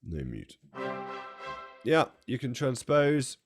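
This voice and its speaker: A man demonstrating music software from a home studio, his voice strained and close to giving out, chatty and self-deprecating with jokey asides. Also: mid-range voice, huge pitch swings, takes it slowly, slightly rough. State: strained, nearly losing his voice. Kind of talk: casual product walkthrough.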